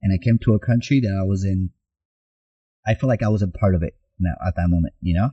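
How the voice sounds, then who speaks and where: This deep, slightly rough male voice moves a little fast, with the high frequencies cut off. He's a soccer coach from Mexico, a podcast guest narrating his life in conversation and performing remembered exchanges with lively energy.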